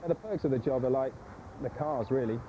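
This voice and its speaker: A man's voice: mid-range voice, fairly quick, noisy background. A man working as a driver, easygoing and plain-spoken in a documentary interview, heard off a worn VHS tape copy. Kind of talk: casual interview talk. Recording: dull worn tape copy with music behind.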